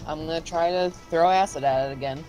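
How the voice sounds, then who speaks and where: A man's voice: on the high side, fairly quick, darkish tone, poor audio. A man playing in a tabletop game, cracking wry, self-mocking jokes about his character. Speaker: player. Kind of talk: casual tabletop play. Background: background music.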